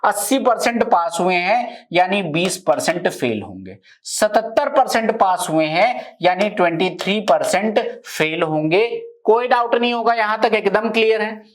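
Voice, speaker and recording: Lively-voiced male maths teacher. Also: high-pitched, normal speed, hardly any pauses. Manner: explains step by step, often checks if students follow. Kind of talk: live online maths class.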